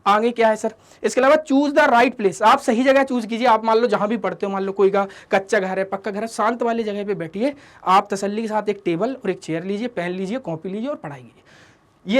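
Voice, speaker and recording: A male teacher giving a motivational study talk to students, lecturing in a fatherly, scolding way with rhetorical questions and English catchphrases. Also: high-pitched. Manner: scolding and fatherly, addresses listeners as "beta", asks rhetorical questions; mixes English catchphrases into the lesson.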